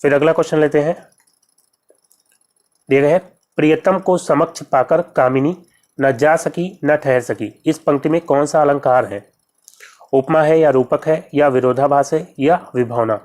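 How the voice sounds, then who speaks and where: An exam-prep teacher with a patient, ordinary middle-pitched and slightly mellow voice works through practice questions. She reads each question and its options aloud, then explains the right answer step by step, repeating key terms slowly.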